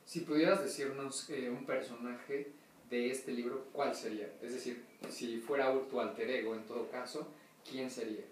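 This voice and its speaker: A man's voice: medium pitch, fairly even intonation, normal speed. A man interviewing a guest, asking questions in a hesitant way with many fillers. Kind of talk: staged interview. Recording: very echoey, distant, faint noise.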